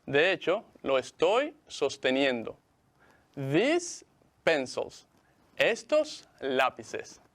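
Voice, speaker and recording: A man teaching English in Spanish, speaking slowly and clearly with a Mexican Spanish accent and repeating each word for his students. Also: on the high side, huge pitch swings. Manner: slow, carefully enunciated, repeats words for students. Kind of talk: bilingual televised English lesson.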